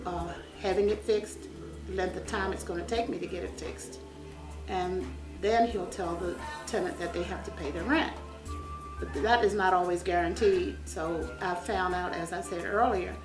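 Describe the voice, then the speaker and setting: A woman's voice: fairly low pitch, roomy sound. Female small landlord, plain-spoken personal account, repeats words for emphasis; distant mic with music behind. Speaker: small landlord being interviewed.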